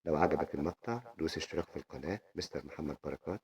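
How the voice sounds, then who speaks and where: A man with a very deep voice and an Egyptian accent, teaching young children the sounds of English letters. He speaks in a friendly, sing-song way and slows down to repeat each example word. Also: animated, vocal fry, darkish tone, breathy edge. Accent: Egyptian Arabic.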